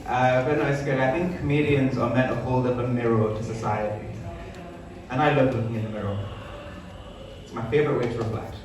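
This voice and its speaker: A man's voice: medium pitch, fairly even intonation, brisk, a crowd in the background. A young man from Newcastle doing stand-up comedy, in a hesitant, rambling, self-deprecating way. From Newcastle, northern England. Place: small sparsely filled comedy venue. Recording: echoey live room, distant mic, audience noise.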